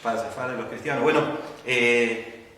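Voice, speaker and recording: A man's voice: mid-range voice, fairly even intonation, normal speed, bright, forceful tone. A man with an Argentine accent preaching a sermon, teaching patiently and checking in with the congregation with frequent "¿no?" questions. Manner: teacherly, asks the congregation questions and tags lines with "¿no?". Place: church hall. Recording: echoey church hall from a distance.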